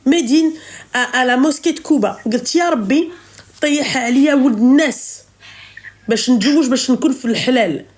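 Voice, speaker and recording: Woman, emphatic, affectionate, call-in advice host, high-pitched. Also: racing, a little mellow.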